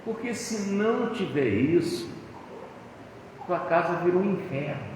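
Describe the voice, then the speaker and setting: A man preaches to his congregation in a folksy, storytelling way, acting out little scenes between husbands and wives. His voice is fairly high and very animated. It rings through a big echoey hall, picked up from a distance. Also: measured pace, noisy background. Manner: addresses congregation as "irmão". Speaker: pastor. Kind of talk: sermon. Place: church hall. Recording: echoey hall, distant mic, dull sound.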